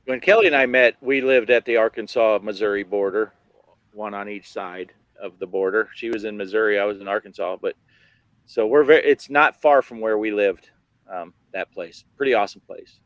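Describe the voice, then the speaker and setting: A man's voice: lowish voice, moderate pace, fairly bright tone, no room sound, rough recording. An American man telling casual anecdotes among friends in a joking, self-deprecating way. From Arizona, US. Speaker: host of a hobby gaming show. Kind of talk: casual anecdotal group chat.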